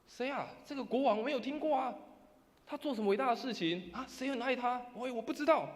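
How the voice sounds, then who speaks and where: A man's voice: fairly high pitch, lively intonation, normal speed, natural voice. A man voicing a doorkeeper inside a church who brushes off callers with curt questions, within a sermon. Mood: dismissive. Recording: reverberant church hall.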